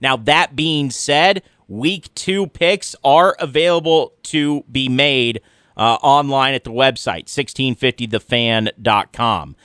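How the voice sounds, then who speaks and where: A man hosts a radio show in a casual, unscripted way. His medium-pitched voice halts and corrects itself, and the studio sound is very dry. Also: slow, fairly bright tone, clear, resonant tone, no echo. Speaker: sports radio host. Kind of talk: casual off-the-cuff radio talk.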